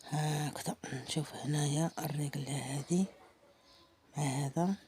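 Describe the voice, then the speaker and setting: A woman's voice: low voice, fairly even intonation, measured pace, mellow, slight background noise. A woman with a Moroccan Arabic accent teaching embroidery in a casual, chatty way, thinking aloud as she works and sometimes murmuring to herself. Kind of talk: casual hands-on craft tutorial.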